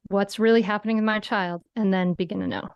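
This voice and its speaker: Woman guest, mid-pitched, earnest explainer, dry and close. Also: fairly even intonation, fast talker, clear, resonant tone, no room sound, lo-fi sound. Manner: earnest, explanatory, often adds a tag question. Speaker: parenting guest. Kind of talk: casual interview chat.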